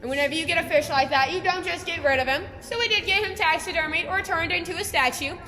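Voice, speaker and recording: A woman's voice: very high-pitched, fast talker, bright, forceful tone. A young woman giving a chatty, casual guided tour, speaking inside a cave with a long echo. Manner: chatty, addresses the group as guys. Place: inside a large cave, on a boat on an underground lake. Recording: echoing cave with long reverb.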